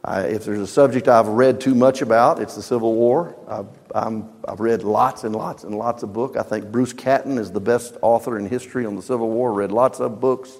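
An older man preaching a Bible study sermon in a folksy, conversational way, growing animated when he tells stories. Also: medium pitch, normal speed, long reverb tail.

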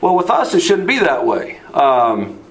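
Male pastor, high voice, chatty sermon delivery, acts out quotes. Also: huge pitch swings, unhurried. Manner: conversational, with asides and acted-out quotes.

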